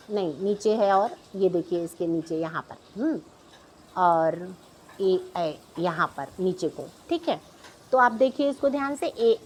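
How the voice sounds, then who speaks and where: A middle-aged woman teaching a class, patiently explaining a chart and repeating each sound, often checking in with her students. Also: mid-range voice.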